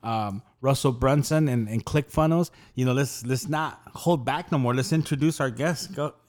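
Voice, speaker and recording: A man's voice: mid-range voice, normal speed, a little mellow. A man hosting a podcast, asking long, rambling questions full of restarts. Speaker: podcast host. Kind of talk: casual interview talk.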